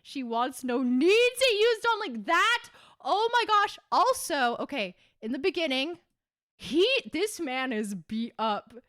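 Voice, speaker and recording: A woman's voice: high voice, sing-song, measured pace, a bit bright, no room sound. A woman streamer chatting on a live stream, gushing and giggling often as she talks to her chat. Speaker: VTuber streamer.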